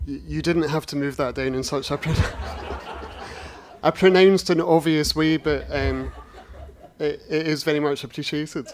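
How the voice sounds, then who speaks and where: A man giving a formal, self-deprecating conference presentation in a hall. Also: on the high side. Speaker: conference speaker, strategy director.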